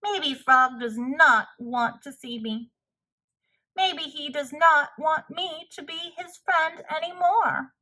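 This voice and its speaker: A woman's voice: high-pitched, takes it slowly, sharp tone, pitched above the performer's own voice, heavily acted, poor audio. A woman voicing an anxious, devoted male toad in a children's story, earnest and emphatic. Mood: sad, pleading.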